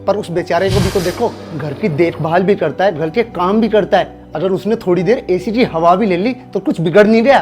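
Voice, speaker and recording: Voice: medium pitch, normal speed, hardly any pauses, a little mellow, faint music behind, natural voice. A performer acting a husband who firmly reasons and defends the servant in a short drama skit. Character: husband, a fair-minded office-going man. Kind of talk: scripted Hindi skit acting.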